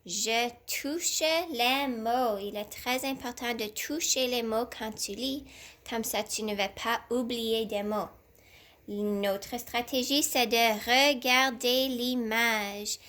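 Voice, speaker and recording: Woman, teacher, children's reading lesson, slow and deliberate, sounds out syllables, fairly high voice. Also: fairly bright tone. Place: at home.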